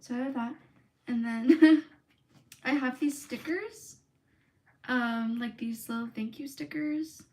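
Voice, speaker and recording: Young woman crafter, casual and slow-talking, full of fillers, slightly high voice, over loud music. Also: a little hiss or hum. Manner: chatty and relaxed, with many "like" and "um" fillers. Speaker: crochet vlogger. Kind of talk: casual chat, reading live comments. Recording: loud background music under the voice.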